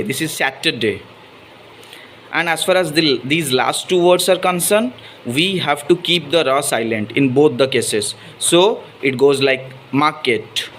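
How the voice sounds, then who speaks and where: With a faint hiss or hum in the recording, a male English teacher delivers a spoken pronunciation lesson in a somewhat high, fairly bright voice. Born to Odia and speaking with its accent, this man from Odisha, India, slips Hindi into his English and keeps checking in with "right?"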